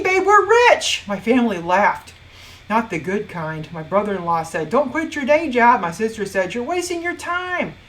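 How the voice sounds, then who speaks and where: A woman in her forties tells her own story on stage as a motivational speaker. Her voice sits at a middle pitch, and her wry, self-mocking humor swings into dramatic bursts. A faint hiss runs underneath. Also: poor audio. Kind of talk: personal storytelling talk.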